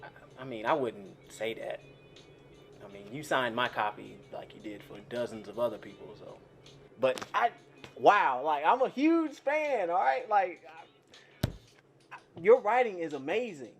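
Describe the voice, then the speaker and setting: An actor playing a chatty, awkward server and eager fan who rambles and stammers with lots of fillers, in short film dialogue. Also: male voice, lowish voice, fairly even intonation, normal speed, fairly bright tone, faint music behind.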